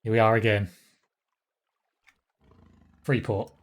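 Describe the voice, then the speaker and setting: A man's voice: lowish voice, little pitch movement, slow. A man casually commentating on his live game stream, rambling with wry, chuckling asides.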